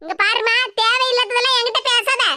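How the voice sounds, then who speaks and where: A woman's voice: extremely high pitch, steady tone, brisk, bright, forceful tone, exaggerated voice. A woman voicing a stubborn grown daughter in a cartoon who stages a protest at the doorstep and chants her demands. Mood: defiant. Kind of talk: Tamil cartoon voice acting.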